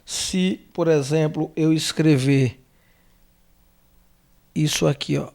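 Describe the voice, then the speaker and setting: A Brazilian man teaching a lesson, walking through letters slowly and carefully, repeating names and checking in with the listener. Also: on the high side, fairly even intonation, gravelly, a little mellow. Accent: Brazilian Portuguese. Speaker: theology teacher. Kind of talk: whiteboard lesson on the Greek alphabet.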